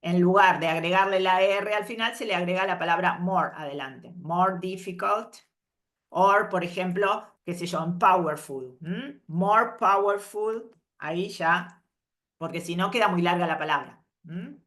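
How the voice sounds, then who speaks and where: In a slow, explanatory English workshop, a woman alternates between explaining and carefully voicing English examples. After each point she checks in with a soft, questioning "mm?" Her voice is on the low side and her pace is moderate.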